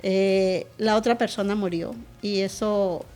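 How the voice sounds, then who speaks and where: A woman's voice: medium pitch, steady tone, unhurried, darkish tone, faint music behind. A woman pastor, a guest in an interview, recounting a personal testimony in a vivid, emotional way.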